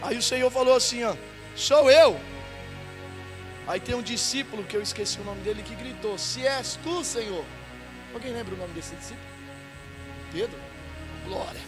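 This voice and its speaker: A man with a Brazilian Portuguese accent, a pastor preaching a fervent Pentecostal sermon in a church, often shouting and chanting his phrases. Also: sits high, quick pace, music in the background.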